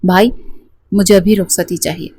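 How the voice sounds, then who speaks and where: A woman's voice: fairly low pitch, steady tone, moderate pace, a little mellow, husky, dry recording. A woman voicing a brash young man in a romance storybook, blunt and mocking.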